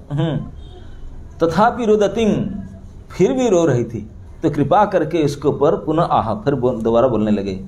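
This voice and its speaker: Animated preacher with a mellow voice. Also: male voice, fairly high pitch. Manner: animated, acts out the characters' crying and pleading with laughter. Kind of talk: scripture storytelling sermon. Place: temple hall before a seated audience.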